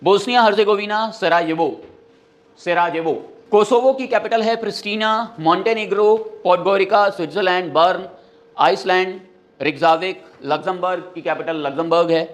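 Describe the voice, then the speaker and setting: A male teacher giving a classroom lesson, running through countries and their capitals in a quick, steady rhythm and mixing Hindi with English phrases. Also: high voice.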